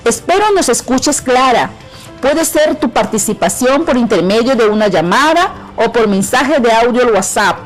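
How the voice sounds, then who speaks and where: A middle-aged woman with a Peruvian accent, a teacher giving a clear, measured lesson on an educational radio program. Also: on the high side, lively intonation, faint music behind, rough recording. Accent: Peruvian Spanish. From Peru. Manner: clear, measured instruction to students.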